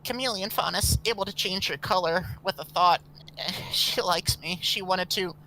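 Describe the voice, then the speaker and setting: A man doing a meek young cat-girl captive in high falsetto. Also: moderate pace, sharp tone, slight background noise, rough recording. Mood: submissive. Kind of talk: reading fan fiction aloud.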